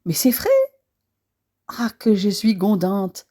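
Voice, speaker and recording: A woman's voice: mid-range voice, slow, mellow, breathy edge. Woman doing a drowsy Alsatian maid. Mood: sleepy grumbling. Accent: Alsatian, put on. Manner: drowsy, yawning, grumbling. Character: sleepy grumbling maid with Alsatian accent.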